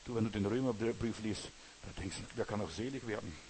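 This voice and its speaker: A man's voice: lowish voice, fairly quick, darkish tone, slight background noise, poor audio. A man preaching a sermon in an earnest way, speaking straight to the listener and checking again and again that they follow. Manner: earnest, addresses listener directly with repeated "verstehst du".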